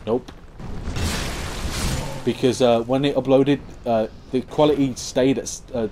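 A young man giving casual let's-play commentary on his game, sarcastic and swearing, with sudden loud outbursts at the game. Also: mid-range voice, a little hiss or hum. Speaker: gameplay commentator.

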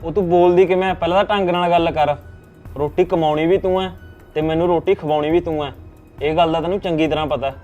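A man's voice: a little high, fairly even intonation, fast talker, a little mellow, dull audio, soft background music, close to an everyday voice. A man acting a bullying husband who threatens his wife in a short drama film. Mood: angry, threatening. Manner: blustering, threatening.

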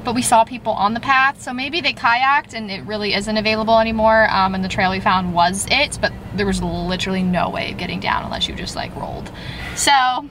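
A woman's voice: mid-range voice, fairly quick, a bit bright, a little hiss or hum, poor audio. A young woman chatting casually into a handheld camera while traveling, laughing often and using many fillers. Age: young adult. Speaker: vlogger. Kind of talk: casual travel vlog chat. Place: outdoors on a coast and in a car. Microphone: camera held at arm's length.

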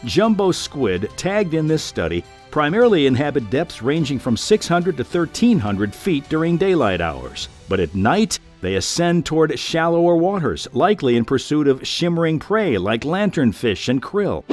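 A man reading scripted nature documentary narration in a measured, formal storytelling way. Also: fairly high pitch, big pitch swings. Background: background music.

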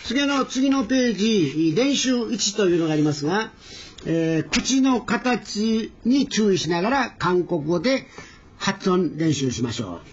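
A man teaching Korean pronunciation in a recorded lesson, slowly drawing out each vowel sound as he demonstrates it. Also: high-pitched, very animated, a little hiss or hum. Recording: dull lo-fi recording.

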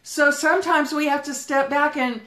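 Fervent high-voiced woman preaching. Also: steady tone, bright, forceful tone, echoey room. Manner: fervent, preacherly, breaks into prayer; talks fast while walking. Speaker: pastor teaching a Bible study. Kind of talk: livestreamed sermon teaching.

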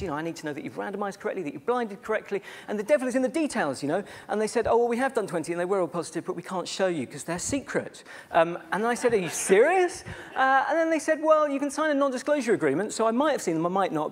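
A British man giving a conference talk on bad science, chatty and sarcastic, with many fillers and asides. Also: sits high. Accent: British English. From Britain. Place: conference stage before an audience.

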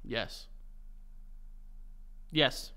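A man's voice: extremely slow, pushed and bright. A young man co-hosting a podcast, teasing and crude in casual banter, laughing often. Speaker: podcast co-host.

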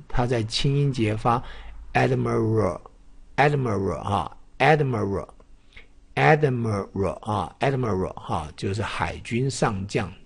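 A man's voice: mid-range voice, vocal fry, darkish tone, breathy edge. A man teaching English phonics, spelling out letters and repeating each word many times. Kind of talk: classroom-style phonics lesson.

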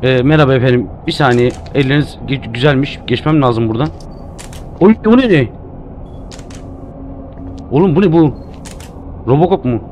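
A man's voice: mid-range voice, fast talker, a little mellow, a little hiss or hum. A man doing live commentary while playing a horror game, jumpy and joking, cursing at the game. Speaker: streamer.

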